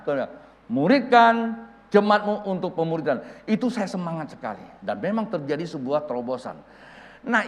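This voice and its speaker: A man preaching as a pastor, telling a story with lively shifts of voice as he acts out the dialogue. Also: a little high. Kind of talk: sermon storytelling. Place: large church hall. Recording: reverberant church hall.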